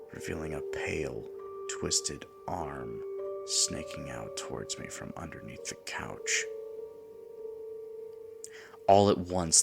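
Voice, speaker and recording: A man narrating a first-person horror story in a measured, hushed delivery, sometimes dropping to a whisper. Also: very deep voice, vocal fry. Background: music.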